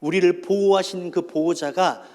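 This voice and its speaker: High-voiced preaching man in reverberant hall. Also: fairly even intonation, moderate pace, warm tone. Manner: preaching with calls to repeat and rhetorical questions. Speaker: pastor. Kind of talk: sermon. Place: church hall. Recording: long church hall reverb.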